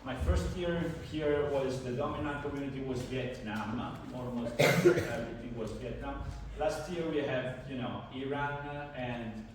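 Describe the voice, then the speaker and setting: A man's voice: mid-range voice, unhurried, hardly any pauses. A man, lecturing informally to a university class and repeating himself as he explains. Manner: informal, repeats words while teaching. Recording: echoey classroom from far off with noise.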